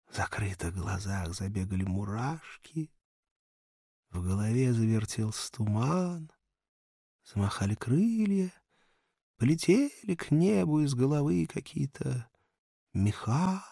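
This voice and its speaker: A man narrating a humorous short story as an audiobook, in a measured storytelling manner that sinks to a murmur. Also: mid-range voice, lively intonation, vocal fry, mellow, husky, dry recording, studio quality.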